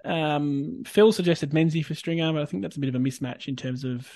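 Australian man, higher-pitched, dry close sound. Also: brisk, dark tone, no echo. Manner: informal, conversational. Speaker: podcast host. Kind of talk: casual sports chat.

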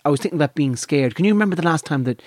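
A man with a west of Ireland accent, chatting casually and telling animated comic anecdotes with plenty of swearing. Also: fairly high pitch, rapid-fire, dry recording, studio quality. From County Donegal, Ireland. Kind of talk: casual chat and comic storytelling.

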